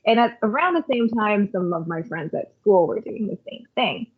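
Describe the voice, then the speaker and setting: A Canadian worship leader appears as a podcast guest, telling stories in a casual, reflective way full of "like" and "um." Her husky, mid-range voice has lively intonation and moves at a normal speed. The audio sounds like a phone call.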